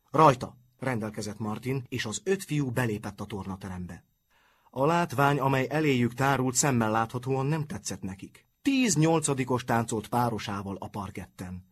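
Husky-voiced male audiobook narrator. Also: mid-range voice.

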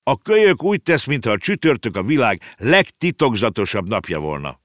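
A stern, exasperated father, as a male reader plays him speaks sharply and loudly, with a raised, lively voice. He scolds and snaps like a storybook parent at the end of his patience. The recording is dry. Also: medium pitch, dry recording, pitched above the performer's own voice.

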